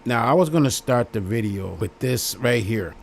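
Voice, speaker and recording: A middle-aged man with a Chicago accent, talking plainly and bluntly to his viewers. His pitch sits in the middle of the male range, and he hammers his points home by saying them again and again in short, simple phrases. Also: lively intonation, normal speed, creaky, slight background noise. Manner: blunt and plain-spoken, repeats phrases for emphasis. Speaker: YouTube host. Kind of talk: casual direct-to-camera commentary.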